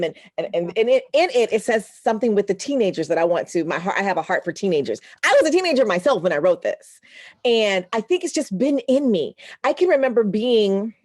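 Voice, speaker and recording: A woman radio broadcaster, a guest, telling personal stories in an earnest, animated way and laughing easily. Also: lowish voice, no echo, clean studio sound. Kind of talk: heartfelt conversational storytelling.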